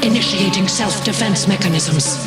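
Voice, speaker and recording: A man voicing a stern male security robot in a cartoon, giving flat, clipped alarm announcements. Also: high voice, normal speed, over loud music, close to an everyday voice, poor audio. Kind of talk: cartoon voice acting.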